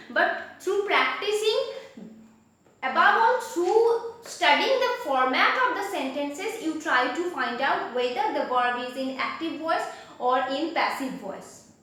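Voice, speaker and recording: A high-pitched woman gives an English grammar lesson, going back over her points and rephrasing them as she goes. Her voice rings through a very echoey room. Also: lively intonation, a little slow, a bit bright. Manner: explanatory, repeats and rephrases with "I mean". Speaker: English teacher.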